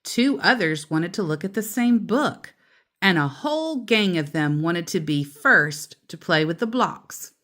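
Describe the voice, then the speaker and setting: Her voice sits fairly low as she tells a children's story aloud. The woman's phrasing is expressive and carefully stressed, broken up by relaxed side comments.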